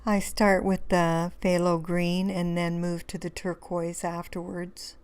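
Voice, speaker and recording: A hoarse woman, rambling through a relaxed crafting tutorial voice-over with many fillers and restarts. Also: lowish voice, measured pace. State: hoarse, losing her voice. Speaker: craft video host.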